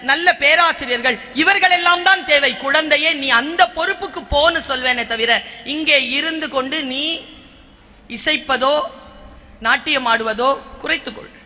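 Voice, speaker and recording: A woman in her forties preaches in a large church hall, her voice sharp and forceful. She drives her points home in short, emphatic phrases. Long reverb from the hall trails each line. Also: high voice. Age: 40s. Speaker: guest speaker and teacher. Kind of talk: church sermon talk.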